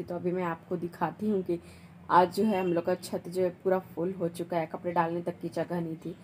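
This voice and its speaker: A woman's voice: on the low side, mellow, a little hiss or hum. A young woman narrating her family vlog in a chatty, homely way, talking straight to her viewers. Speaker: family vlogger.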